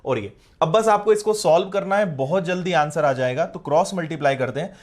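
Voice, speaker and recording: A man's voice: fairly high pitch, fairly quick. A male maths teacher with a Hindi accent, explaining a problem step by step in a live online class and often asking whether students follow.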